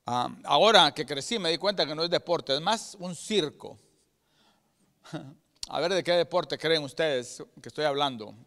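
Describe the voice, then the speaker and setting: A man with a Guatemalan Spanish accent preaching a sermon as pastor, swinging from loud emphatic peaks to quiet low asides and often calling out to his brothers. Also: measured pace. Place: church sanctuary. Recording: long reverb of a church hall.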